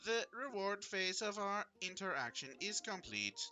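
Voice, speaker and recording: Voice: medium pitch, big pitch swings, moderate pace, pushed and bright, soft background music, pitched above the performer's own voice. A streamer putting on a robot voice to play a stiff, formal male robot worker in a game, speaking in clipped, literal phrases. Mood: mechanical, formal. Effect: robot voice put on by a streamer. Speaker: streamer reading game dialogue aloud. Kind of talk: let's play voice acting.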